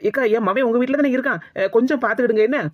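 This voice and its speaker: A woman's voice: a little high, racing, no echo, highs cut off, lightly acted. Woman as a defiant cartoon young wife. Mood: coaxing. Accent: Tirunelveli Tamil. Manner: sarcastic, defiant.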